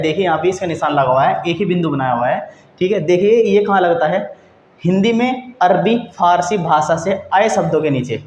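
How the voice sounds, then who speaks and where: Man teaching grammar in an echoey room. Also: high voice. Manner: addresses viewers as friends, repeats "theek hai" often. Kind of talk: explanatory online lesson. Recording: echoey room, dull lo-fi sound, faint noise.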